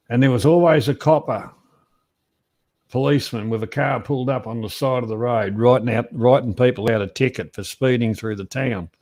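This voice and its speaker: A man's voice: fairly low pitch, darkish tone. A middle-aged man with an Australian accent, hosting in a casual, rambling, slangy way and telling anecdotes. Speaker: host of a trivia show.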